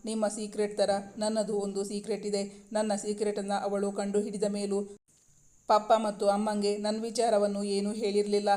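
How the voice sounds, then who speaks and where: A man's voice: sits high, completely flat delivery, normal speed, warm tone, natural voice. A man reading aloud, voicing a cheerful young man who frankly and teasingly talks to his younger sister. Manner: breezy, teasing. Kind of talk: storybook reading.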